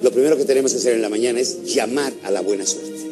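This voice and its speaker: A man giving a lively motivational talk, asking his audience questions and acting out little stories. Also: mid-range voice, fast talker, over music. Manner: animated, asks the audience questions, acts out stories. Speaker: motivational speaker.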